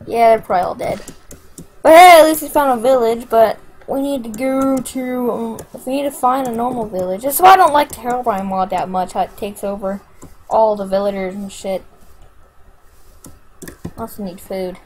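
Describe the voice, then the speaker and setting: A woman talks through her video game session in a somewhat high voice. She is excitable and profane, thinking out loud as she plays, with a faint hiss of noise underneath. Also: normal speed, rough recording. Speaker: gamer. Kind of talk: let's play commentary.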